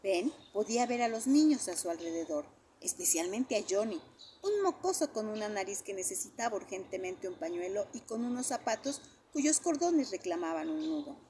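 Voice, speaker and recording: Animated woman reading a story aloud. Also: mid-range voice, normal speed, a little hiss or hum. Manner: animated, addresses listeners.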